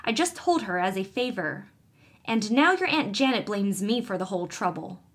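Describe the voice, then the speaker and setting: Grumbling farm boy, read by a woman, sulky and aggrieved, breathy tone. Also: medium pitch, lively intonation, normal speed.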